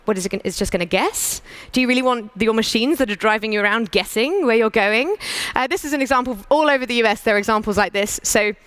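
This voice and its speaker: A woman's voice: fairly high pitch, fairly bright tone, clear, resonant tone, no room sound. Persuasive British woman giving a conference talk. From United Kingdom. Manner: brisk and persuasive, with rhetorical questions. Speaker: conference speaker.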